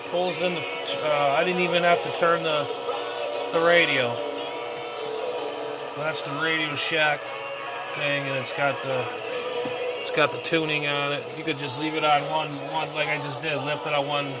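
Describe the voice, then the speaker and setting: Over loud music and steady background noise, a middle-aged man with a fairly high voice gives rambling vlog commentary about his amateur radio gear. He talks at normal speed but pauses often, muttering, repeating himself and trailing off.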